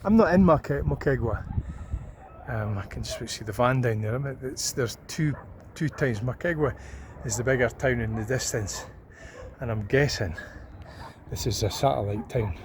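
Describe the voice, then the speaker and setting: A man with a mid-range voice narrates his travel vlog at a moderate pace. Out on the road and walking around a small town, he muses informally, often um-ing and restarting. The background is noisy.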